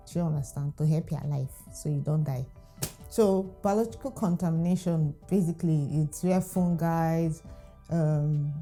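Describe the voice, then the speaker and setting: A Nigerian food vlogger whose first language is Igbo talks animatedly to camera about food safety, laughing often. Her voice is low with a dark tone.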